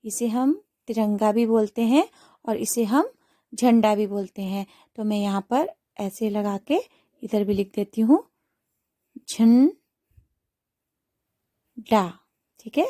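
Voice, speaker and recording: A woman's voice: mid-range voice, unhurried, warm tone, no room sound, clean studio sound. A woman teaching a primary school phonics lesson, sounding out each word syllable by syllable for young students. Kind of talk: slow spelled-out phonics lesson.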